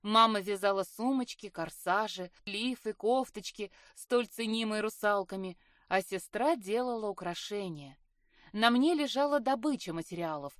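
A woman narrating a fantasy audiobook in a measured, even storytelling manner, recorded in a studio. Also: mid-range voice, no room sound. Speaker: audiobook reader. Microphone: studio mic.

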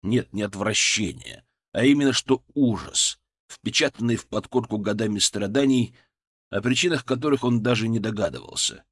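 A man's voice: fairly low pitch, expressive, normal speed, fairly bright tone. Man narrating a tense audiobook. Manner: dramatic, tense storytelling. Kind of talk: first-person scripted narration.

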